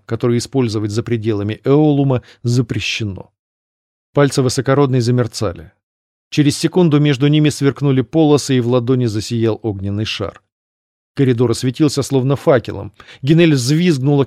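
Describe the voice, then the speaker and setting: A man narrating a fantasy audiobook in an even, measured storytelling manner. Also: medium pitch, no echo, clean studio sound.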